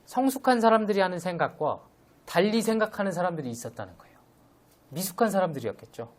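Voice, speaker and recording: A young man giving a conversational midweek sermon, gently teasing and explaining scripture to his congregation. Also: high voice, animated, fast. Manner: conversational, gently teasing, acts out quoted voices. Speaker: preacher.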